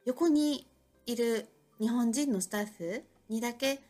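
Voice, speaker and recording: A woman's voice: a little high, takes it slowly, mellow, faint music behind. Chatty Osaka woman hosting a solo talk. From Japan. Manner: chatty, reflective, in Kansai dialect with many fillers. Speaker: English school owner and podcast host.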